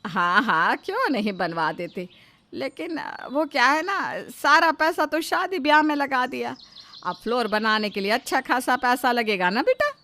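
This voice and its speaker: A woman's voice: sits high, animated, moderate pace, bright, forceful tone, exaggerated voice. A woman voicing a middle-aged mother-in-law who scolds her daughter-in-law and dotes on her daughter. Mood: scolding. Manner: scolding, indulgent toward daughter.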